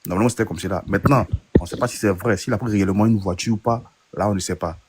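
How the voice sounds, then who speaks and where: Fast-talking low-voiced man. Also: noisy background. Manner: quick explaining, keeps seeking agreement. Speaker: panelist on a live stream. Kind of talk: live-stream panel talk.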